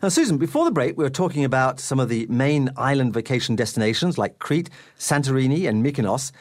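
A man's voice: medium pitch, very animated, quick pace. A man hosting a radio travel show in an upbeat, enthusiastic way, chatting with his guest.

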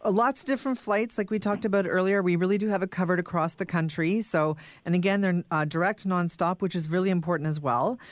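A woman speaking as a travel company expert, pitching packages conversationally and enthusiastically, listing item by item. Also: fast talker, few pauses, no echo. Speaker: tour company guest expert. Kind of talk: conversational product pitch on radio.

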